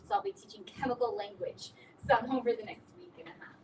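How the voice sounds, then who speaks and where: A woman's voice: fairly high pitch, sing-song, fast. A woman teaching a chemistry lesson, patiently explaining naming rules and spelling out word endings letter by letter. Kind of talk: recorded classroom lesson. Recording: distant mic with clear background noise.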